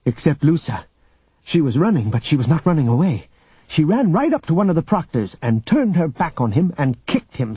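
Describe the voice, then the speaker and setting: A man narrating an audiobook in scripted narration, with even, measured storytelling. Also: medium pitch, breathy edge, no room sound. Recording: dull audio with faint background music.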